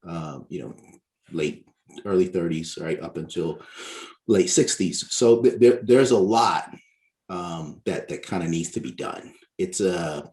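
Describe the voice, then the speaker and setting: Deep voiced guy from barbados on a podcast, explains stuff slowly, keeps saying right?. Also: a little mellow. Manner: measured, explanatory, often ends points with "right?". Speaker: author and guest. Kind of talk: podcast interview.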